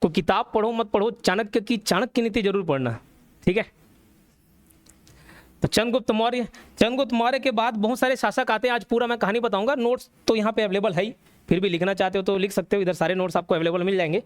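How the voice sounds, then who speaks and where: High-voiced man teaching a history class. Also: fast, dry recording. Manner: storytelling, quizzing students with questions. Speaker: exam coaching teacher.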